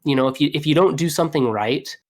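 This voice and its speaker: A young man talks shop as a plumber on a podcast, loose and chatty, piling on "you know" as he tells his stories. His delivery is lively and animated, and he laughs easily. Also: a little high, quick pace. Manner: animated, laughing storyteller with fillers. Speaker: plumber guest. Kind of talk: casual storytelling.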